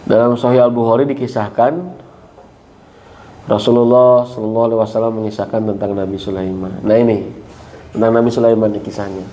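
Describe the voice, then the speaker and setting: A middle-aged man with a Sundanese accent giving a lively Islamic parenting talk, jumping up in pitch for emphasis and often checking with his listeners. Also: a little fast, pauses often, a little hiss or hum. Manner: animated, leaps high in pitch for emphasis, asks the audience questions. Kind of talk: lively religious study talk.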